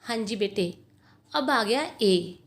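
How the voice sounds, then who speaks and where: A woman with a Punjabi accent teaching a grammar lesson, who asks her students questions and answers them herself while slowly drawing out example words. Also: medium pitch, expressive. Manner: drawn-out, syllable-by-syllable spelling of example words.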